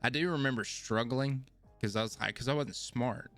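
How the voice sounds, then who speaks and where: A man's voice: mid-range voice, moderate pace, fairly bright tone, faint music behind. A man hosting a podcast, telling his own story in a casual, rambling, self-deprecating way that often repeats phrases. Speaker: podcast host.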